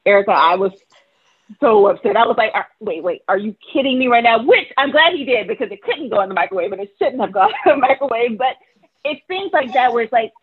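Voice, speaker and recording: A working mother telling stories as a podcast guest on a call, animated and laughing easily. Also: a little high, fast, husky. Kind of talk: casual interview talk. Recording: phone-like call audio.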